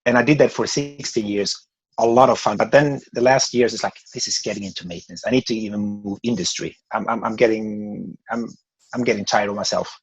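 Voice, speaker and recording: A podcast guest from Sweden, a man in his forties with a Swedish accent, talks in a lowish, husky voice at a fairly quick clip. His casual interview chat rambles, with frequent word restarts, and the audio is poor though free of echo.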